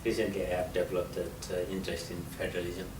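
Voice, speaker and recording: A middle-aged man from Nepal with a Nepali accent, answering interview questions in a halting way with many fillers. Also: sits low, completely flat delivery. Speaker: interviewee, geography professor. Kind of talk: conversational interview. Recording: roomy and distant, with loud background noise.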